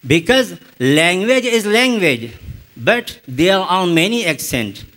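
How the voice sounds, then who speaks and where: A man with an Indian English accent, teaching a spoken English lesson with slow, deliberate explanations and repeated examples. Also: sits high, sing-song, a bit bright.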